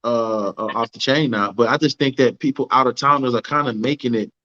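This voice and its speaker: A man's voice: mid-range voice, a little fast, bright, forceful tone, dull audio. A man hosting a casual livestream, chatting with a guest and reading out viewer comments, often asking "you know what I'm saying". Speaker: livestream host.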